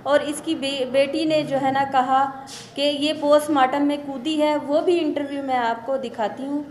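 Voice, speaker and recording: Middle-aged woman from Pakistan, high, indignant and insistent, press conference, echoey room. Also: steady tone, normal speed, a little mellow. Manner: insistent, indignant, repeats her points. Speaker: mother speaking at a press conference. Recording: echoey room with faint noise.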